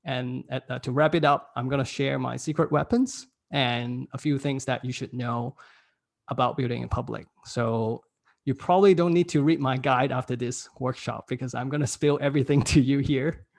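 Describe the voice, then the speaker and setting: A man's voice: mid-range voice, fairly even intonation, normal speed, creaky. A man in his thirties from Hong Kong, giving a casual online workshop talk from home, laughing often at his own jokes. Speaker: workshop speaker. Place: home room.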